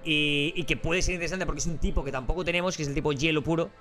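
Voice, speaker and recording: A man's voice: fairly high pitch, steady tone, racing, a bit bright. A man giving casual, rambling gameplay commentary as a let's play host, joking and swearing casually.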